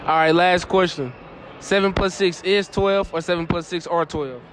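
In a noisy shopping mall, a young man with a high-pitched voice conducts casual street interviews with strangers, speaking at a moderate pace into a handheld phone. He often laughs and repeats back what people tell him.

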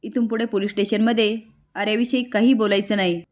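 A woman's voice: mid-range voice, fairly even intonation, quick pace, natural voice. A woman reading the lines of a stern young policeman in a serial recap, speaking curtly and sounding troubled. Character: stern young man, a police officer in love.

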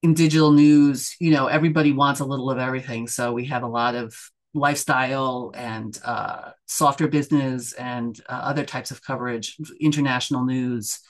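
A middle-aged woman from the United States speaks in a relaxed interview. She talks thoughtfully, restarting her sentences and filling the gaps with small fillers. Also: very deep voice, normal speed, hardly any pauses. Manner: thoughtful, with many fillers and self-corrections. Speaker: church member and news editor being interviewed. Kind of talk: casual conversational interview.

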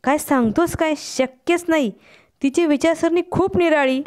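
A woman reading a story aloud, voicing a timid, soft-hearted man who speaks in agitated, exclaiming questions. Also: high-pitched, normal speed, voice pushed up, lightly acted. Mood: shocked.

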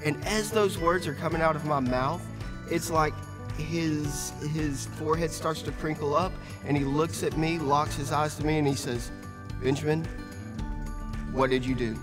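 A man's voice: on the high side, steady tone, normal speed. A man in a video interview, telling a dry, wry story about his pastor. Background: music bed.

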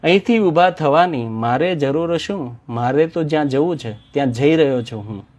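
A fifty-something village eccentric with a rural Mehsani accent, as a storyteller puts him on, blunt and teasing but quietly philosophical. He drags his lines out slowly and a touch higher than the teller's own voice, as if reciting couplets. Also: animated. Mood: insistent. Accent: Mehsani Gujarati. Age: 50s. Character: mad-called village man in his fifties, calm and philosophical.

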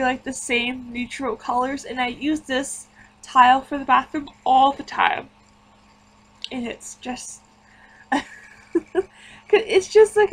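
A woman's voice: high-pitched, poor audio. A woman giving casual, rambling voice-over commentary on a home-building game. She sounds tired and chatty, drifting from one thought to the next. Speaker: gaming YouTuber.

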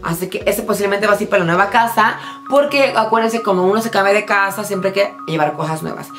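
A woman doing a casual shopping-haul vlog, chatty and excitable, talking straight to her viewers while tired. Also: mid-range voice, fast talker, soft background music. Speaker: vlogger showing a shopping haul. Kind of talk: casual chatty product show-and-tell.

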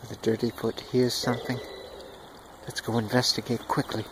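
Man, average pitch, hushed mock-serious nature-doc narration, outdoor handheld recording with birdsong and noise. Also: completely flat delivery, normal speed. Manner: hushed, mock-solemn documentary delivery. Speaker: home video narrator. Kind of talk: mock wildlife documentary narration. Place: outdoors in a yard with chickens and dogs. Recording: outdoor noise with bird calls.

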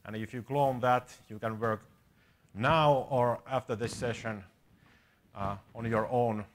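Slightly slow and fairly even in intonation, this mid-range male voice belongs to a Finnish-accented programming teacher in his forties. He gives an informal, no-nonsense live coding workshop as a conference speaker to a seated audience in a small seminar room, with a little hiss or hum audible.

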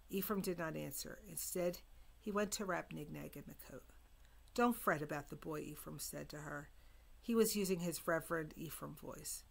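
Woman reading a novel aloud, gravelly. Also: lowish voice. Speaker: reader.

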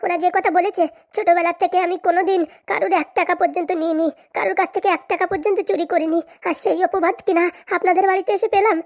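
A woman's voice: very high voice, steady tone, quick pace, few pauses, a little mellow. A woman doing a self-pitying scheming daughter-in-law. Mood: aggrieved. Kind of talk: cartoon comedy voice acting.

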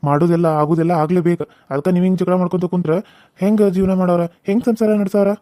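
A man's voice: high-pitched, fairly even intonation, racing, warm tone, dry recording, studio quality, close to an everyday voice. A man voicing a village father-in-law in a cartoon serial who lectures the couple, with a North Karnataka Kannada accent. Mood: pleading. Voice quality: lecturing, scolding. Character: scolding fatherly village elder.

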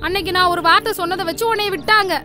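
A woman playing a sharp-tongued village wife. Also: very high-pitched, fairly even intonation, very fast. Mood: scolding. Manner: scolding, bitter, often tearful. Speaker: wife and mother. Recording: film dialogue under loud music.

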